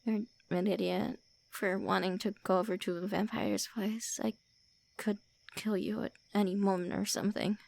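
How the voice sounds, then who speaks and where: A woman with a medium-pitched, creaky, darkish voice speaks naturally, in a steady tone and at a moderate pace, as a tsundere vampire lord in an ASMR roleplay. Her character looks early twenties but has lived for centuries, and she whispers, stammers, and flusteredly insults the listener out of hidden shyness.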